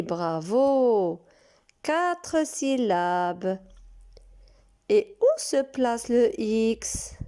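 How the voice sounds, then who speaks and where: Slow, encouraging preschool teacher woman. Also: fairly high pitch, dark tone, smooth. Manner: slow, drawn-out and encouraging, praising often. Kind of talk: recorded reading lesson for young children.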